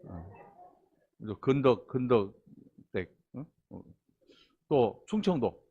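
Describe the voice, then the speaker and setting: Folksy pastor with a lilt. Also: male voice, medium pitch, big pitch swings, slow, dark tone, breathy edge, highs cut off. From Honam region of Korea. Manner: folksy, teasing the congregation with asides and questions. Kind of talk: sermon.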